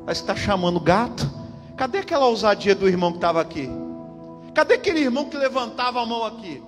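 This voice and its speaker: A high-pitched Brazilian man preaches fervently, repeating his points and calling out to the congregation. The recording carries the long reverb of a church hall, with music playing clearly behind him. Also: animated, quick pace. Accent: Brazilian Portuguese. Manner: emphatic, repeats lines, calls out to the congregation. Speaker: pastor. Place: church service.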